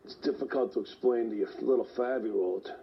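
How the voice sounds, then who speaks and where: A man's voice: mid-range voice, a little fast. A man, out of breath, telling his own story in an interview with lots of "like" fillers. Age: 40s. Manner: rambling, fillers like "like". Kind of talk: personal account in an interview. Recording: dull lo-fi sound, faint hiss.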